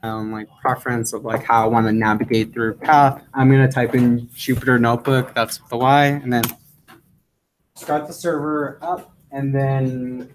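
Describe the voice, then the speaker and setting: A man's voice: medium pitch, little pitch movement, normal speed, a little hiss or hum, low-quality recording. A young man teaching a coding class, talking casually with lots of fillers and repeated "yeah"s. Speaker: course instructor.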